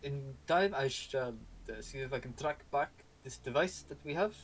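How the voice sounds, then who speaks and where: A man's voice: medium pitch, a bit bright, a little hiss or hum, natural voice. A man doing a stiff German-accented soldier. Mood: formal. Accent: put-on German. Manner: halting, formal report with many pauses.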